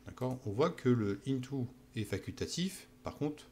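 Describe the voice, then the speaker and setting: A man teaching a software tutorial while walking through his screen, often checking in with "d'accord?". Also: mid-range voice, animated, normal speed, slight background noise. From France. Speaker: instructor.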